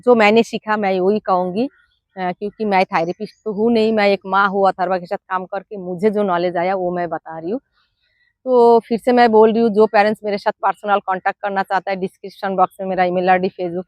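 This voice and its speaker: A middle-aged woman, a mother, giving frank, down-to-earth parenting advice in a casual vlog, pausing often with "uh". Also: medium pitch, fairly even intonation, a little mellow, no echo. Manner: frank and down-to-earth, with many "uh" pauses.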